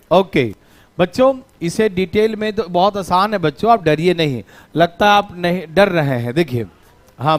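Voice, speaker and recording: Male teacher, high voice, teasing classroom manner. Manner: playful, teasing, scolds students. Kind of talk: live classroom math lesson.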